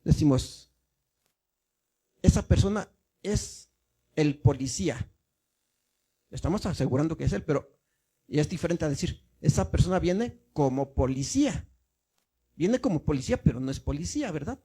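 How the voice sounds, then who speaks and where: A man's voice: a little high, animated, moderate pace, long pauses, dark tone, breathy edge. A male minister giving a teaching sermon, explaining step by step and often asking the congregation if they follow. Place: church.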